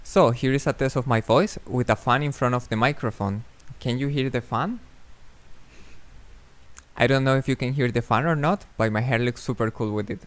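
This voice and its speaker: A man's voice: mid-range voice, moderate pace. A man giving a casual product review in a plain, explanatory way while a fan blows in front of his microphone. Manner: plain, explanatory, slightly unpolished phrasing. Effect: talking with a fan blowing in front of the mic.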